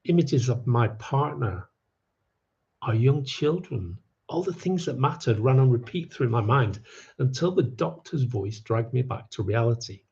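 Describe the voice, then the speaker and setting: A man's voice: medium pitch, expressive, a little slow, creaky, a little mellow, muffled recording. A man telling his own life story to an audience, with wry, self-mocking asides. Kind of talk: personal storytelling talk.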